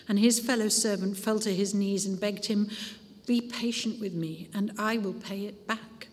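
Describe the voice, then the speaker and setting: A woman reading scripture aloud at a church service in a measured, expressive way. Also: medium pitch. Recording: long church reverb.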